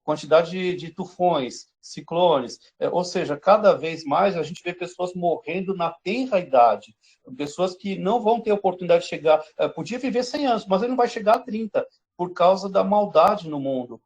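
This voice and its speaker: A man taking part in a church class discussion, thinking aloud in a reflective way with pauses. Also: high-pitched, darkish tone. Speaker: class participant.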